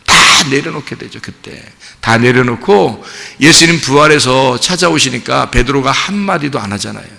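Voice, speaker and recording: A male pastor preaching a sermon in a lively, animated way, acting out the voices of the people he quotes and laughing often. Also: medium pitch, moderate pace, vocal fry, long reverb tail.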